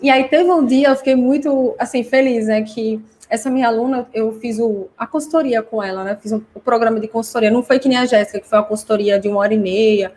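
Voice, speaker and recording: A woman's voice: a little high, steady tone, fast, hardly any pauses, a little mellow. A woman with a Brazilian Portuguese accent who hosts a live class for parents. She explains conversationally, works through many examples and often adds tag questions. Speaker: host and parent educator.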